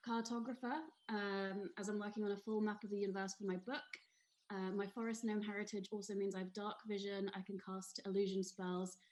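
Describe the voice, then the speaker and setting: A woman at a medium pitch introduces her tabletop character in first person. She speaks earnestly, with the odd um and restart. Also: darkish tone. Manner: earnest with small hesitations and fillers. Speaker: player.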